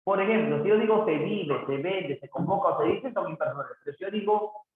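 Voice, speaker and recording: A man's voice: high voice, brisk, slight background noise. A male teacher explaining grammar rules with examples, often checking with his students. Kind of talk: grammar lesson. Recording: tinny phone-like audio, very echoey room.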